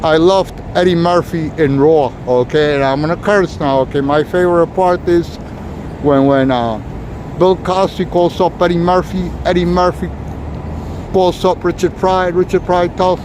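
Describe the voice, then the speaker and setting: A man whose voice sits on the high side talks at a normal speed with a steady tone, leading viewers on a loose, conversational walking tour outdoors. Traffic from the busy city street fills the noisy audio.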